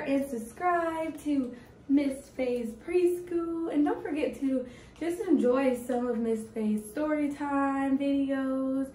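Young woman, very high voice, encouraging kindergarten teacher manner, sing-song, preschool lesson, distant roomy mic. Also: dark tone, a little hiss or hum. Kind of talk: children's circle time lesson. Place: small classroom-like room indoors. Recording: echoey room, distant microphone.

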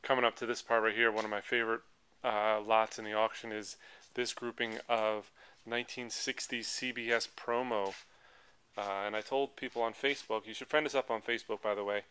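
This American man, his voice on the low side, level, brisk, pushed and bright, acts as an auction presenter rambling through the items as he walks. The setting is a large indoor hall full of tables, and his own handheld camera captures the sound along with clear background noise.

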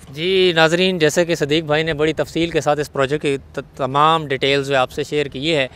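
A man's voice: on the high side, flat delivery, normal speed, fairly bright tone, clear, resonant tone. A man with a Pakistani Urdu accent hosting a property show, polite, asking questions and adding short agreements, recorded outdoors on a lapel mic. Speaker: host.

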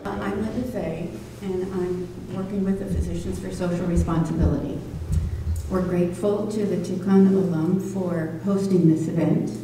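An older woman stands at a podium in a community hall, carefully reading a prepared introduction from her notes in a measured way as the event organizer presenting a speaker. Her voice sits on the low side with a steady tone. The stand microphone catches her from a distance, so the hall sounds echoey and faintly noisy.

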